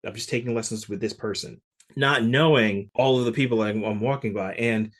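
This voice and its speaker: A man from Connecticut, a session percussionist, telling stories in a relaxed interview with lots of "like" fillers. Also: lowish voice, brisk. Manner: relaxed, chatty, frequent "like" fillers. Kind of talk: casual interview storytelling.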